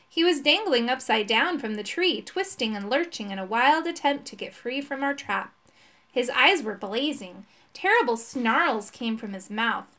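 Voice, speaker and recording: A woman narrating a children's storybook aloud, with dramatic, expressive delivery. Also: on the high side. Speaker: audiobook narrator.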